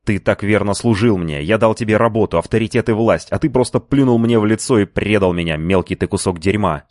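A man's voice: fairly low pitch, a little fast, darkish tone, no room sound, studio quality, natural voice. A man voicing a violent, ruthless male crime boss who barks threats and orders in an audiobook. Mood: furious. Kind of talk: audiobook character reading.

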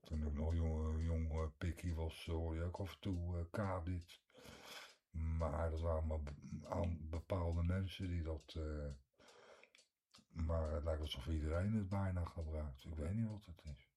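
A man's voice: rumbling low, fairly even intonation, a little slow, dark tone. An older man hosting a casual radio chat show, rambling and opinionated in a down-to-earth way. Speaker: radio host. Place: radio studio.

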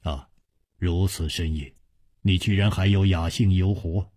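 A man voicing a carefree, witty young male hero who speaks in an easy, amused, low voice. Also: big pitch swings, measured pace, darkish tone, slightly rough, no room sound, studio quality, exaggerated voice. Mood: amused, easygoing.

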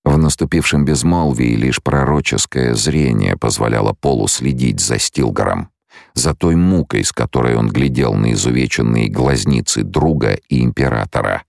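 Very deep gravelly male audiobook narrator. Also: a little mellow, no room sound, studio quality. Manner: measured storytelling. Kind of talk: scripted narration.

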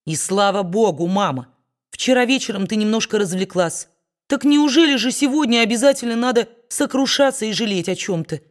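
A woman's voice: mid-range voice, lively intonation, a little fast, natural voice. A woman doing an indignant, earnest young man. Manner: frank, protesting.

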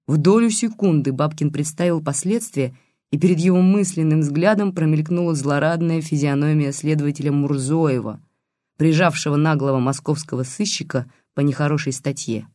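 An audiobook narrator reading a novel in a lively scripted narration. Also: medium pitch, normal speed, no echo, studio quality.

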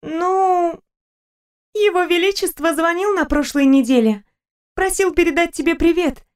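A woman voicing a cheerful, chatty young fairy-tale princess in an audiobook, with a high, eager voice. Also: a little slow. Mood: concerned.

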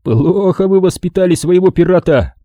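Man doing a brash, mocking rough guy. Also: high voice, lively intonation, normal speed, no echo, studio quality, pitched above the performer's own voice. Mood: scheming. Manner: loud, mocking, coarse. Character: brash rough-talking male adventurer, cocky.

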